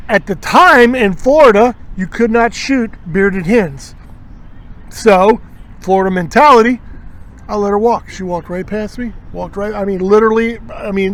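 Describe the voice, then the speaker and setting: A man hosting an outdoors show, telling rambling hunting stories and acting out what people said, recorded outdoors at a marina. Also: high-pitched. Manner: rambling, animated storyteller acting out quotes. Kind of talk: casual storytelling chat.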